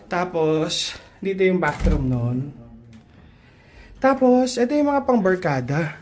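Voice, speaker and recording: A woman's voice: fairly low pitch, lively intonation, slow, darkish tone, a little hiss or hum. A woman filming a casual walk-through vlog of a beach resort house on a handheld phone, chatty and exclaiming as she shows each spot. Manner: chatty, exclaiming tour guide. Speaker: family vlogger.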